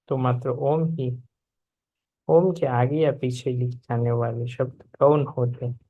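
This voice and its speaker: Slow, gravelly-voiced man teaching yoga. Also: mid-range voice, narrow, tinny audio. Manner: unhurried, chants mantras with softly fading shanti endings. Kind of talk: slow spoken lesson with mantra chanting.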